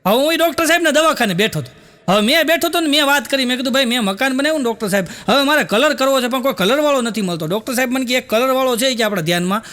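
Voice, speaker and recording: A man's voice: extremely high pitch, lively intonation, racing, pushed and bright. A man telling folksy jokes to a live audience, acting out the people in his stories. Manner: folksy storyteller, acts out quoted characters. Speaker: stand-up comedian.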